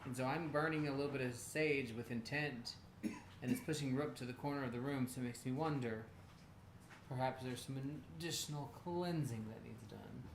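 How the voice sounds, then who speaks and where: Rambling and bantering as he goes, an American co-host speaks fairly quickly in a steady, mid-range voice on a casual livestream. He's indoors, where the sound carries a roomy echo with faint noise behind it.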